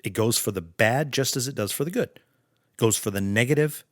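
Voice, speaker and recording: A male podcast host giving an earnest, preachy motivational monologue in slow, deliberate phrases. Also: medium pitch, dry recording, studio quality.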